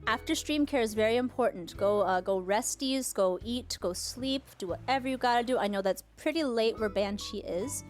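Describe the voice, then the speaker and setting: Cute anime streamer girl voice, woman, really high, bubbly giggly stream chat, music behind her. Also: normal speed, few pauses. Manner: giggly, expressive, frequent exclamations. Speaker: VTuber livestream host. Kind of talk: casual livestream chat and reading aloud.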